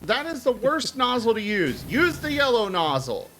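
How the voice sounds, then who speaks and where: A man's voice: very high-pitched, big pitch swings, normal speed, pushed and bright, soft background music. A man chatting casually and teasingly with friends while playing a video game. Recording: faint background noise.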